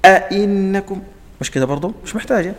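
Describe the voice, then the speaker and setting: A man's voice: mid-range voice, fast talker, vocal fry, big-room sound. A man with an Egyptian accent teaching Quran recitation, asking his own questions and acting out the sounds. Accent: Egyptian Arabic. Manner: asks his own questions and answers them, demonstrates sounds. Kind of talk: explanatory lesson in colloquial speech.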